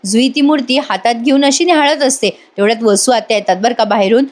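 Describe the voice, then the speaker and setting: A woman tells a serial episode in a chatty voice-over recap. She strings the scenes together casually, with a fairly high pitch. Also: quick pace. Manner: chatty storytelling with tag words. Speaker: serial review narrator.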